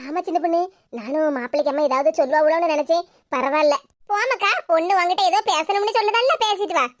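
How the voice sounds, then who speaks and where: A woman voicing a hot-tempered middle-aged mother with a Kanyakumari Tamil accent in an animated cartoon. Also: quick pace, dry recording. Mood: bossy. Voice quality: scolding, shrill.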